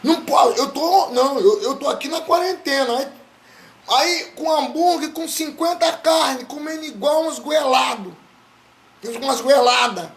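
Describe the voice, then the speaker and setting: A male pastor preaching a sermon with impassioned delivery that builds to shouting. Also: extremely high pitch, unhurried.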